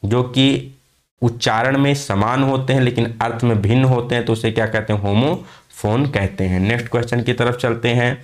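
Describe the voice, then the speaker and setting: A man teaching an exam-prep lesson. He spells words out letter by letter, asks and answers his own questions, and reads English phrases slowly. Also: medium pitch, steady tone.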